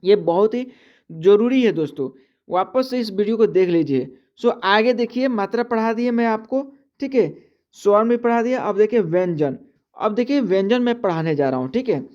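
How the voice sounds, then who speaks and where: A man teaching the alphabet slowly and patiently, checking in with the class after almost every line. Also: high voice, animated, darkish tone. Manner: repeats "theek hai" constantly, patient step-by-step teaching. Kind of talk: slow classroom explanation. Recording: dull lo-fi sound.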